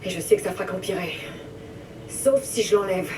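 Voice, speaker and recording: A woman's voice: on the low side, moderate pace, close to an everyday voice. A woman voicing a tough, blunt female mercenary in a French game dub. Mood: demanding. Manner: blunt, demanding. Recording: roomy distant game audio, noisy.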